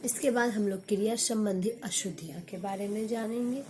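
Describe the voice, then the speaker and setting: A woman teaching a grammar lesson, slowly repeating example sentences for her students. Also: mid-range voice, darkish tone, a little hiss or hum.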